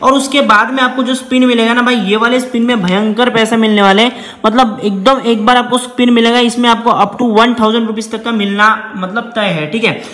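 Fast, bright-voiced man in an echoey room. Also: very high voice, fairly even intonation. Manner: fast, chatty, calls viewers brother. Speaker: app reviewer. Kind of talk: screen-recorded app walkthrough. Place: indoor room, table with phone. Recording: echoey room with long reverb.

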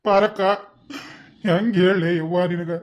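A man's voice: high-pitched, fairly even intonation. A man doing a mopey young village lad. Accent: North Karnataka Kannada. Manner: melodramatic complaining, quick outbursts. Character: gloomy young village man, self-pitying. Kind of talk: cartoon comedy voice acting.

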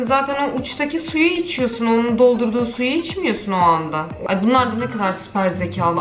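A young woman chatting casually as she reacts to videos, exclaiming and complaining. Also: medium pitch. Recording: echoey room with music behind.

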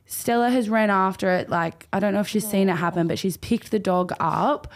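A woman's voice: medium pitch, normal speed. Chatty woman telling a story. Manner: chatty storyteller, rambling with many "like"s. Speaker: podcast co-host. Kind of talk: casual chat.

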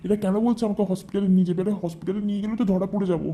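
A man's voice: high voice, steady tone, rapid-fire, warm tone, natural voice. A man playing a melodramatic, scheming young vlogger who groans theatrically in a satirical live-stream parody. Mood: whiny melodrama.

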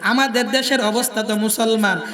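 A man's voice: sits high, steady tone, normal speed, sharp tone, big-room sound. A man preaching a sermon in a Jamalpur Bengali accent, in a singsong delivery that keeps quizzing the crowd.

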